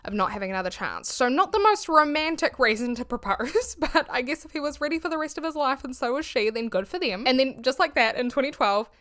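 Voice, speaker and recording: High-pitched and fairly bright, her voice has lively intonation and moves a little fast. She's a New Zealand woman with a Kiwi accent hosting a casual commentary vlog on YouTube from her bedroom at home, chatty, full of fillers, and laughing between phrases.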